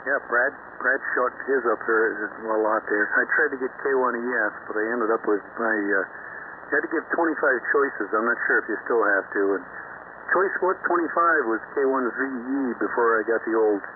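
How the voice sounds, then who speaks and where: A man's voice: mid-range voice, moderate pace. A man running an amateur radio net as net control, chatting easily with plenty of fillers, heard through a ham radio transmission with static. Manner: easygoing, rambling, many fillers. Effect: heard over a ham radio transmission with static. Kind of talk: casual on-air radio chat. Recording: tinny ham radio audio with faint static.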